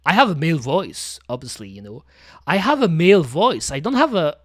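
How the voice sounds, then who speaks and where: A man's voice: on the high side, sing-song, a little fast, no room sound, clean studio sound. A man chatting casually on his stream, rambling and talking to himself with many fillers and restarts. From French-speaking. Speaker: VTuber streamer.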